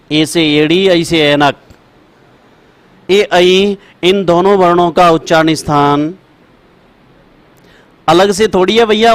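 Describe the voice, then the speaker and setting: A man teaches a class in a high voice. He speaks slowly and chants each rule several times so students can write it down. He calls them brother and child as he talks. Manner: repetitive, chanting rules for dictation. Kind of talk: classroom lecture.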